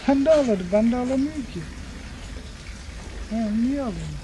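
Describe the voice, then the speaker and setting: A woman at home loudly and repeatedly questioning and teasing a crying baby in a home video. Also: on the high side, lively intonation, normal speed. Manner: loud, repetitive questioning and teasing. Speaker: caregiver soothing a crying baby. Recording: noisy home recording.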